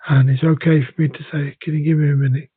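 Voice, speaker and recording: In a relaxed podcast conversation, a man who speaks both English and Welsh talks hesitantly, often halting and restarting sentences. His voice is slightly high and husky. The recording is dry and narrow, phone-like, with no echo.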